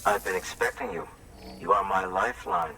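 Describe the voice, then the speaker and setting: A man's voice: low-pitched, normal speed, recorded from a distance, noisy background, lightly acted. An actor playing a guarded, reclusive man in a video game, musing in conversational, emphatic speech. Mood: grateful. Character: guarded, reclusive male shelter dweller, grateful but distrustful.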